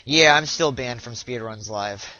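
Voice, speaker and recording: Young man, casual stream chatter, stammering restarts, bright tone, dull recording. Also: mid-range voice, a little hiss or hum. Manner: chatty, halting, frequent restarts and repeats. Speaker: speedrunner streaming live. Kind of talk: casual live-stream chat. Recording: lo-fi stream audio.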